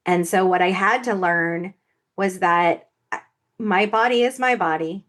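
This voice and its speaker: A woman's voice: fairly low pitch, measured pace, a bit bright. A woman co-hosting a podcast, speaking earnestly and frankly, often repeating words as she thinks. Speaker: podcast co-host. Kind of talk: casual podcast chat.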